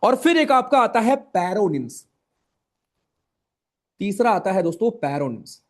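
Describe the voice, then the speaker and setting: Teaching online, a young man with a Hindi accent uses a high-pitched, very animated voice at a slightly slow pace. He chats casually, calls the students brothers and friends, goes over key points again, and frequently asks "right?"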